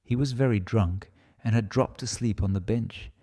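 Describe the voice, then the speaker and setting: A man's voice: on the low side, normal speed, warm tone. A man with a Russian accent reading literary fiction aloud as a scripted audiobook narration.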